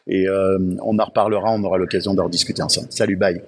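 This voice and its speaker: A man's voice: low voice, fairly even intonation, rapid-fire, over music. A man speaking as an enthusiastic guest in a remote podcast interview, often restarting his sentences. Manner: enthusiastic, talks in bursts with many restarts. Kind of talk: remote interview, casual chat.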